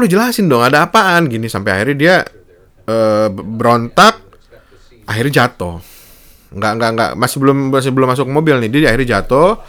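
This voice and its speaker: A young man, telling a story in a casual monologue and voicing the people in it with a raised voice. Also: fairly bright tone. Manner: slangy Jakarta-style speech, acts out quotes in a high voice.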